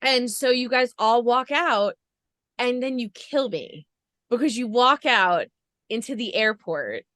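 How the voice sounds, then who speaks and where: A woman's voice: on the high side, expressive, unhurried, a bit bright, no room sound. A woman podcast interviewer recapping a show with gushing enthusiasm in long run-on stretches.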